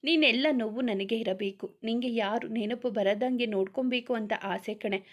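A woman voicing a loving young husband who gently soothes his wife in a read-aloud story. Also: fairly high pitch, moderate pace, close to an everyday voice. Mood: tender. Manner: soothing, reassuring.

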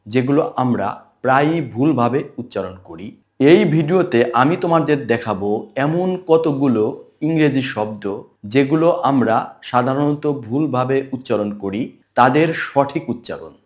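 A man teaching English pronunciation in a recorded lesson, spelling each word letter by letter before saying it slowly and carefully. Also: medium pitch, animated. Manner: spells words letter by letter, then says them slowly and deliberately.

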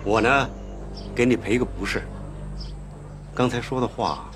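An actor playing a man calmly making peace with a rival in a period drama. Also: medium pitch, noisy background, natural voice. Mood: conciliatory. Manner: placating, measured.

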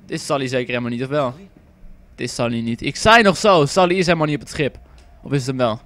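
A young man giving casual, joking let's play commentary, excitable and quick to swear and shout at the game. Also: medium pitch. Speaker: gaming commentator.

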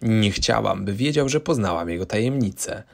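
A man reading a first-person true-life story as scripted narration, steady and measured. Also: fairly low pitch, creaky.

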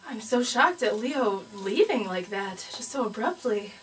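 Woman playing a gushy lovestruck contestant, kinda high voice, far from the mic. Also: lively intonation, measured pace. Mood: giddy. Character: giddy, lovestruck female contestant. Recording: distant mic.

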